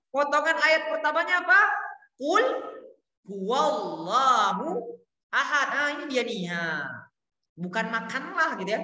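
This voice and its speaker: A woman's voice: sits high, bright, forceful tone. A woman teaching Arabic pronunciation to children in a class, patiently drilling words and encouraging each pupil with short Arabic praise. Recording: echoey room with long reverb.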